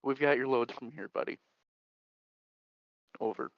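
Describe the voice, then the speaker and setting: Slow, muffled man calling over CB radio. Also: medium pitch, no echo. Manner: slow, solemn, drawn-out radio calls. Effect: CB radio transmission. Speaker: trucker giving a memorial final call. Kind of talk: ceremonial radio call over CB radio. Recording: muffled, band-limited radio sound.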